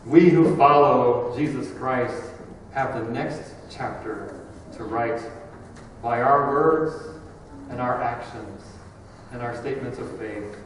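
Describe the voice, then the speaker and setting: A male pastor delivering a sermon, preaching dramatically with big swings in loudness. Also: mid-range voice, slow pace, recorded from a distance, a little hiss or hum. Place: church sanctuary. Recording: echoey church recorded from afar.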